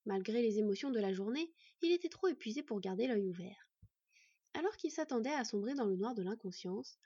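Breathy woman narrating a storybook. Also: a little high, warm tone, no echo, muffled recording. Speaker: audiobook narrator.

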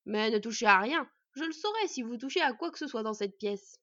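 A woman voicing a proud old male dwarf blacksmith with booming, emphatic exclamations. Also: animated, fairly quick, no room sound, highs cut off. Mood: bossy.

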